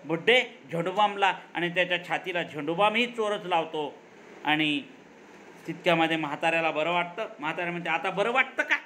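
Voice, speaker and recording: A man's voice: high-pitched, a little hiss or hum. A man teaching a college class, retelling a story with repetition and explanation. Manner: animated storyteller who repeats and explains. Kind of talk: lecture retelling a story dialogue.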